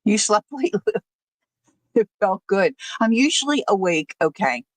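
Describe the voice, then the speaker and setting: A woman's voice: medium pitch, big pitch swings, unhurried, dry recording. An older woman chatting casually as a livestream host, rambling easily through asides, her words slightly slurred from missing front teeth. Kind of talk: casual chat.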